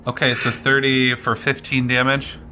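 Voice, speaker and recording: Man, game master, bright clear-cut tone, casual tabletop play, soft music behind. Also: medium pitch, monotone, normal speed. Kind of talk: running a tabletop role-playing game, casual.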